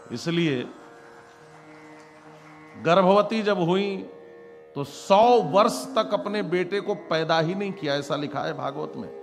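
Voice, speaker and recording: A man with a fairly high voice preaches through a devotional story, acting out its characters with dramatic, exclamatory delivery. His voice rings with a long hall reverb. Instrumental music plays clearly behind him. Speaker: Bhagavat katha preacher.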